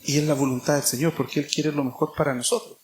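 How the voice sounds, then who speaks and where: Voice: mid-range voice, fairly even intonation, quick pace, a little hiss or hum. A preacher with a Chilean accent giving an emphatic sermon, repeating key phrases and asking rhetorical questions. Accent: Chilean Spanish.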